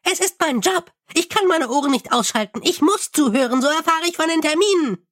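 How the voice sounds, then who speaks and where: A man voicing a tiny, fussy, eager male imp with a high chirpy voice, in an audiobook reading. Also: lively intonation, brisk, fairly bright tone. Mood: eager chirping.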